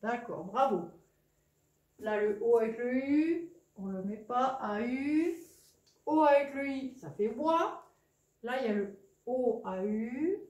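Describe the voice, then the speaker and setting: A woman's voice: fairly high pitch, animated, slow, pauses often, a little mellow, echoey room, highs cut off. A woman teaching a reading lesson to young children, patient and encouraging.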